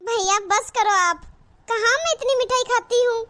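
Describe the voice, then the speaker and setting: A woman voicing a chatty young married sister in a cartoon, with a very high, bright voice. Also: moderate pace. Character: cheerful young married sister visiting her brother. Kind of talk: cartoon voice acting.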